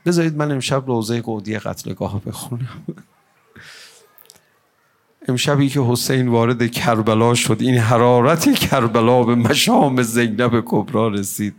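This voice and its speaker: A man leads a mourning recitation in a voice of ordinary pitch for a man. His delivery is impassioned and pleading. At times it swells into a chant. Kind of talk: emotional mourning recitation to a gathering.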